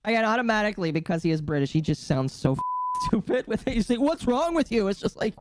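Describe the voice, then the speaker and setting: A man's voice: sits high, big pitch swings, quick pace, over music. A man chatting casually as a participant in a group stream. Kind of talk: casual chat.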